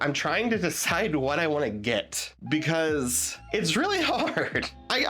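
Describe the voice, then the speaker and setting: A young male tech vlogger, stuffed up after being sick, rambles casually about gear with very animated pitch. He restarts often and keeps asking viewers "you feel me?"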